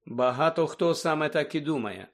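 A man voicing a calm, weary adult male teacher who speaks quietly and with restraint in an audiobook. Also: fairly high pitch, normal speed. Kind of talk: audiobook character voice.

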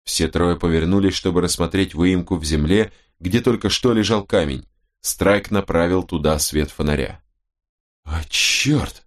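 A male narrator reads a novel aloud in a very deep, low voice. The reading is steady and measured throughout. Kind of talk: scripted audiobook narration.

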